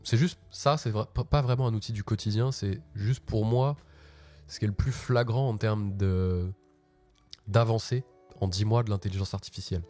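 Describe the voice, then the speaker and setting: A man talks through software in a casual live session from his office, with a slightly low, mellow voice. He is chatty and slangy and often restarts mid-sentence. Faint music plays behind him. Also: steady tone, moderate pace. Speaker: host. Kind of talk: casual live tech walkthrough.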